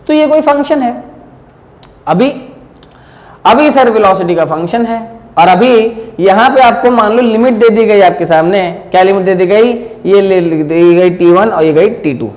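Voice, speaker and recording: High-voiced male teacher in an echoing classroom. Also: a little mellow. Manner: explains step by step, mixes Hindi and English, keeps checking "clear hai?". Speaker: physics teacher. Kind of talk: classroom lecture at a board.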